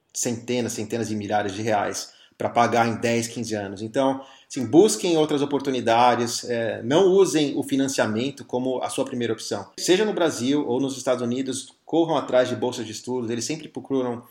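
A man's voice: medium pitch, darkish tone. A man with a Brazilian Portuguese accent hosting a casual interview podcast. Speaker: podcast host. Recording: echoey room sound.

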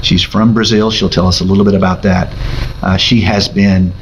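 A man, a pastor, hosting an interview on a church stage, speaking haltingly with many fillers. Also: sits low, little pitch movement. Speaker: pastor and host. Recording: dull lo-fi sound, faint hiss.

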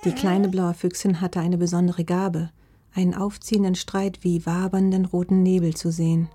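A woman with a husky voice narrating a children's story in a calm, gentle manner. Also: on the low side, moderate pace.

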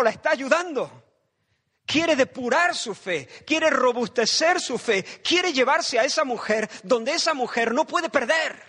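A man's voice: very high-pitched, a bit bright. A man from preaching a sermon, dramatic and emphatic, repeating phrases and acting out voices from the story.

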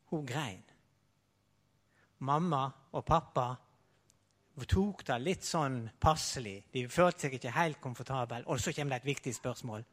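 A man with a high-pitched voice preaches to children in an animated storytelling style, acting out the story as one of the disciples. He keeps the young listeners busy with sound effects. His voice carries a long echo through the church. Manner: tells the story in first person as a disciple. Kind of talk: lively storytelling sermon for children.

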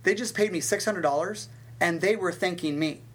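A man with a fairly high voice tells stories as a guest in a relaxed interview. He is animated, and his voice jumps up and down in pitch as he goes. He often restarts his sentences mid-thought. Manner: animated storyteller with big pitch swings and quick restarts. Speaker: fitness instructor and guest. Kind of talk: storytelling in a conversational interview.

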